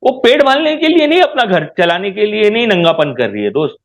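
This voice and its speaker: A man's voice: high voice, big pitch swings, a little fast, creaky. A man, a guest in an interview, ranting indignantly in heated talk.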